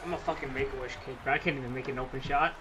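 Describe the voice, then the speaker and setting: A young man gaming and chatting in casual street slang, blunt and quick to swear. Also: medium pitch, fairly even intonation, a crowd in the background. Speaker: gamer.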